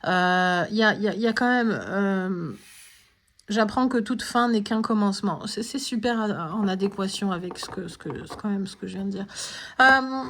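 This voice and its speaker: A woman's voice: mid-range voice, normal speed, a bit bright. A woman talking through a spiritual guidance reading, hesitant, with many fillers and restarts. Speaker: tarot and oracle reader.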